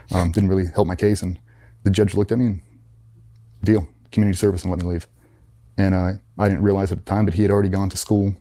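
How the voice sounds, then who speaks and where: A man's voice: sits low, warm tone. A man, an interview guest and former Navy SEAL, telling his story in a blunt, matter-of-fact, casual way.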